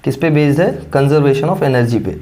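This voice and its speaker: A man teaching physics with a sore throat, clearing it now and then and explaining step by step while checking that students follow. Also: mid-range voice, a little slow, warm tone. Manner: explains step by step, keeps checking understanding with "correct?". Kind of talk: classroom-style lecture, Hindi mixed with English terms.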